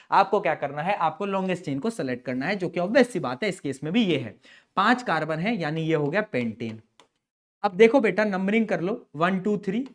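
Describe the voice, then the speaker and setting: Playful chatty male tutor. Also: high-pitched. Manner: playful, chatty, calls students beta and bhai. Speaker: chemistry tutor. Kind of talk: chalkboard-style lesson explanation.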